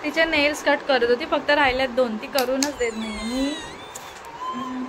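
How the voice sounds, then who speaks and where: A young mother with a Marathi accent talks casually to her phone camera at home, narrating her chores and cheering on her baby. Her voice sits high and light. A steady hiss of noise and passing traffic runs under the recording. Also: normal speed. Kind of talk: casual home vlog chat.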